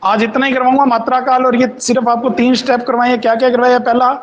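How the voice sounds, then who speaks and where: A man teaching an online grammar class, slowly dictating definitions and repeating phrases for students to copy down. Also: very high voice, level tone, slight background noise, poor audio. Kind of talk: online Hindi grammar lesson.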